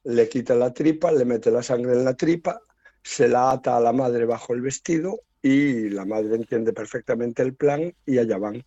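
A man from tells a folk tale to a listener, unhurried and wry. His voice is mellow and dark. The recording is dry, close and lo-fi. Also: medium pitch, no echo. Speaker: storyteller. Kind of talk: telling a folk tale in conversation. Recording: dull lo-fi, dry sound.

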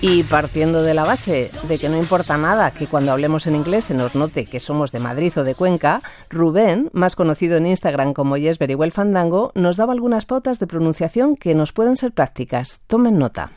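A radio reporter reading scripted news narration in a clear, measured way. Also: medium pitch, a little mellow, soft background music.

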